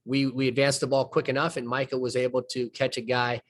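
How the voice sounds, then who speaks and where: A man's voice: medium pitch, flat delivery, brisk. A man, a basketball coach walking through game film and explaining plays step by step in a folksy way. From southern United States. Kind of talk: film breakdown conversation.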